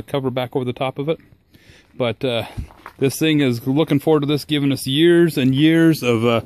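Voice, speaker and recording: A man talking casually to the camera about his cooking at home outdoors, relaxed and enthusiastic, with frequent fillers. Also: mid-range voice, dry recording. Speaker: home cook reviewing his new smoker.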